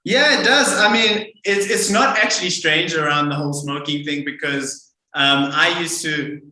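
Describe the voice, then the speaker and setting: A man hosting a podcast interview, talking in a rambling, halting way with many fillers. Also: on the high side, pushed and bright. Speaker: podcast host. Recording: roomy echo.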